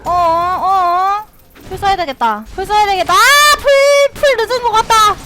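A young woman streaming a game, excitedly talking to herself and shouting at the action as she plays. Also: very high-pitched, normal speed, soft background music. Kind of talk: live gameplay commentary.

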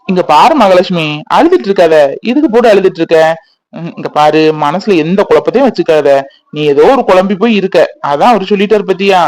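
A man's voice: sits high, darkish tone, rough recording. A man voicing a firm, reassuring elder male relative who comforts a worried young woman in a cartoon. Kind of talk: cartoon voice acting.

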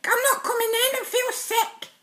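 A man's voice: extremely high pitch, level tone, moderate pace, sharp tone, echoey room. A man voicing a naive, hesitant little boy who is faking being sick on a prank phone call. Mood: innocent, faking sick. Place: small room indoors.

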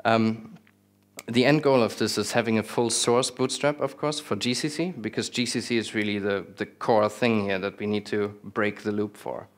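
Young man giving a relaxed tech talk. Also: lowish voice, moderate pace. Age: young adult. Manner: relaxed, frequent fillers and restarts, dry humor. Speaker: conference speaker. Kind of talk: technical talk with slides. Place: small lecture room, indoors.

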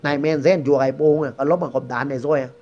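A man's voice: medium pitch, little pitch movement, quick pace, a little mellow. A man with a Southern Thai accent telling a ghost story in a chatty, rambling, conversational way. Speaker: guest storyteller. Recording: dull lo-fi recording.

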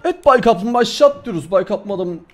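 A man's voice: high-pitched, lively intonation, racing, faint music behind. A man giving playful, theatrical commentary on his own game, addressing viewers and in-game animals in a mock-dramatic tone. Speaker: gaming YouTuber. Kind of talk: playful Minecraft let's-play commentary.

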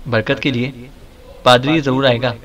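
A man voicing a domineering, wisecracking male detective who issues threats in a mid-pitched voice. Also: fairly even intonation, measured pace, muffled recording, crowd noise, lightly acted. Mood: bossy. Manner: bossy, threatening.

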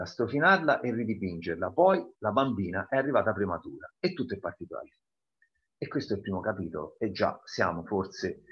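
Low-voiced man reading a novel aloud. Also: highs cut off. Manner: calm, deliberate, pausing to comment. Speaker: reader presenting a novel. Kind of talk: reading aloud with brief commentary.

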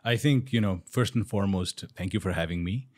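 A man in his twenties from Nepal, a guest on a podcast, answering calmly and reflectively into a studio mic. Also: deep voice, a little fast. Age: 20s. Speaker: spiritual guest. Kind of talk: interview answers. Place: studio set with shelves, indoors. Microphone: desk-mounted podcast mic.

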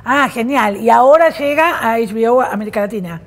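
A woman's voice: a little high, a little fast. A woman with an Argentine accent hosting a TV talk show, asking questions in an enthusiastic, effusive way. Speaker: TV host.

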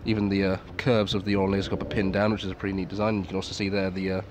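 This fairly low-voiced man races through a casual, unscripted review of a military surplus gas mask in a flat delivery. Understated and prone to swearing, he mutters asides throughout. The audio, captured in a garden at night, carries clear outdoor noise.

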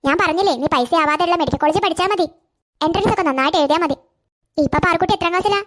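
A woman voicing a caring older girl in a cartoon who gently advises and reassures. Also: very high-pitched, rapid-fire. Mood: advising. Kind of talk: cartoon voice acting.

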